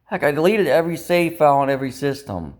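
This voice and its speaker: Fast and lively in intonation, this male vlogger speaks with a voice on the high side. He rambles casually, second-guessing and mulling things over, with a bit of mild profanity.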